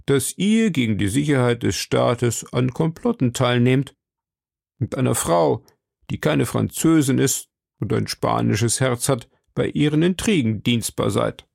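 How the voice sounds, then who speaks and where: A man's voice: medium pitch, animated, measured pace, creaky, a little mellow, no echo, clean studio sound, exaggerated voice. A man reading an audiobook, voicing a vain, greedy middle-aged shopkeeper with a pompous, self-important manner.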